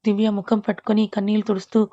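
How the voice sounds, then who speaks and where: A woman reading a serialized family story aloud in a steady, even way. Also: medium pitch, rapid-fire, no echo. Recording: dull lo-fi sound.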